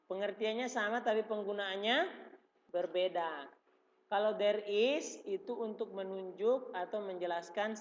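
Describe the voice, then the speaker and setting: Guru laki-laki yang bicara pelan dan sabar. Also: male voice, high-pitched. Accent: Indonesian. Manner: slow, patient, repeats each phrase. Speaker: religious school teacher. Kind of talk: classroom explanation. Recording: dull reverberant room recording.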